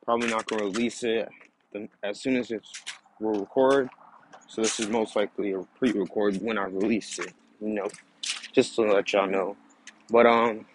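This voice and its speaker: A young man casually narrating a fan story, rambling and restarting phrases as he goes. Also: medium pitch. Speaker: channel host and storyteller. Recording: noisy background.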